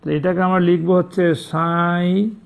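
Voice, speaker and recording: A man with a high voice teaches a math lesson to young pupils. He explains patiently and repeats himself, correcting pronunciation and spelling. The sound is thin and tinny, like a phone line. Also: flat delivery, fairly quick, gravelly. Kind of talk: classroom lesson.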